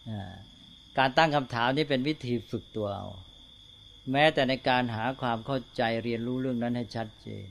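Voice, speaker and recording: An older male Buddhist monk giving a slow, unhurried talk to fellow monks, often checking in with tag questions. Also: mid-range voice, fairly bright tone, slight background noise.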